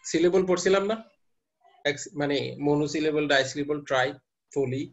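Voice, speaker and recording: A man's voice: a little high, normal speed. Man lecturing in a muffled recording. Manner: explains step by step, quizzes students. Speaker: university teacher. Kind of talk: lecturing class, mixing English terms.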